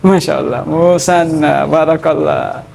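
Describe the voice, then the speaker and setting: A male teacher lectures in a classroom, going through each rule step by step. He speaks slowly and keeps checking whether his students have understood. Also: a little high, fairly even intonation, gravelly, a little mellow, slight background noise. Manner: explains step by step, repeating key terms. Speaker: Arabic grammar teacher.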